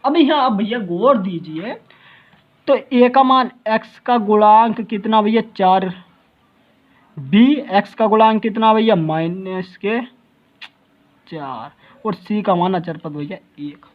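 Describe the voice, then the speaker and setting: A man's voice: high voice, takes it slowly, long pauses, highs cut off. Man teaching math, asks questions constantly. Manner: keeps asking rhetorical questions and calls listeners brother. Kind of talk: classroom math lecture.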